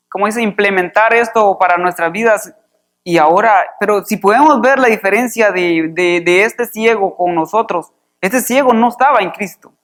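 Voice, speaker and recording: A man preaching a sermon in a church, reading scripture aloud and explaining it in an easygoing way, often pausing on filler words. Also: high voice, a bit bright. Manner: conversational, fills pauses with "este" and repeats "dice" while reading.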